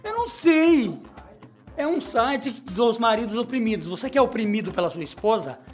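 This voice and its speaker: A middle-aged man hosts a comedic radio show. He jokes, rambles and reads news items aloud in a small studio, with his pitch swinging up and down as he talks. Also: a little fast, faint music behind. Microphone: studio microphone.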